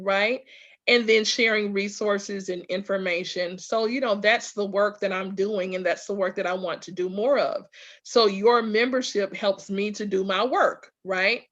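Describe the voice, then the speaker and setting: A woman's voice: medium pitch, fairly bright tone. Southern US woman, emphatic, in lo-fi audio. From Louisiana, USA. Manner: emphatic, repetitive lists, checks in with "okay" and "right". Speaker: spiritual group facilitator and host. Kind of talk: informal promotional talk to followers.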